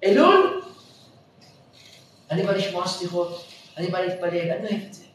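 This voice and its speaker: Man doing a blunt devout dog owner, earnest, lively pitch, echoey distant hall. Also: slight background noise.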